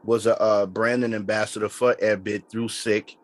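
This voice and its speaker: A man's voice: on the low side, moderate pace. A man from Memphis, chatting as a guest producer on a podcast and often restarting his sentences. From Memphis, Tennessee, US. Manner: relaxed, frequent restarts and "you know what I'm saying". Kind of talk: casual podcast interview chat.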